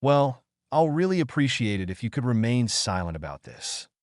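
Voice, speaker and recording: A man voicing a secretive young male wizard in a read-aloud story, speaking calmly with a harsh, knowing edge. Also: mid-range voice, moderate pace, no room sound, studio quality, lightly acted. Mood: threatening. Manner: calm, cutting, knowing. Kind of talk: audiobook character voice.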